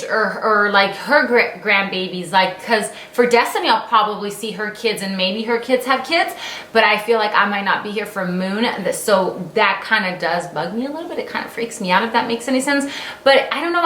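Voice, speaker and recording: A woman's voice: mid-range voice, moderate pace, a bit bright, slight background noise. A woman in her late thirties chatting casually as a vlogger, rambling with lots of fillers and restarts. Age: 30s. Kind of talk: casual story-time chat. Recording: roomy echo.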